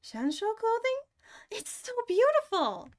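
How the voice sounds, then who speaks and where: A woman voicing a bubbly teenage girl adventurer, gushing in a high, squealing voice. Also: huge pitch swings, measured pace, exaggerated voice. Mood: excited gushing.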